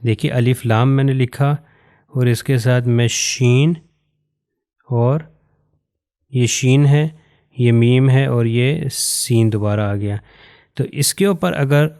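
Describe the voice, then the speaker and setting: A man from Pakistan, teaching Quran recitation patiently and step by step, pointing to written examples and slowing down to recite phrases carefully. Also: mid-range voice, darkish tone. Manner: slows down to recite Arabic phrases with care. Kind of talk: recorded lesson explaining to learners.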